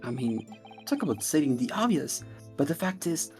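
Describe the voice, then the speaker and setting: Woman doing a dramatic young guy from a game dub, kinda low voice, swings all over, self-deprecating. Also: sing-song, normal speed, darkish tone, faint music behind, exaggerated voice. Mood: rueful, dramatic. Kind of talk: dramatic video game fan-dub acting with breaks into laughter.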